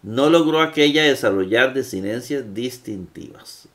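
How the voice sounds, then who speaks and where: A man's voice: medium pitch, lively intonation, fairly bright tone. A man teaching Greek grammar in a classroom lecture, patient and full of fillers. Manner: slow, patient, with many fillers and checks.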